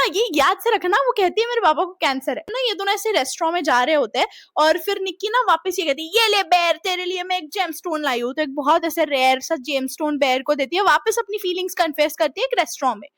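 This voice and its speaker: A young woman casually recapping a film plot in an animated way, acting out quick bits of the characters' lines. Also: very high-pitched, dry recording, studio quality. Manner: animated, quotes characters in little acted bits. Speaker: movie explainer.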